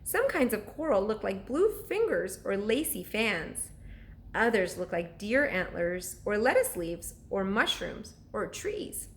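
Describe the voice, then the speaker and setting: A woman reads a children's story aloud the way a teacher would to her pupils, narrating expressively and deliberately. Her pitch is medium, and there's slight background noise.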